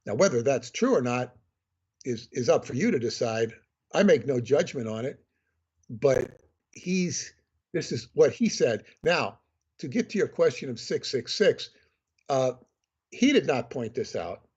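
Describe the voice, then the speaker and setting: Husky-voiced man explaining on a muffled call. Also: mid-range voice, lively intonation, measured pace, darkish tone. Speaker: guest author. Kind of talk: explanatory podcast talk.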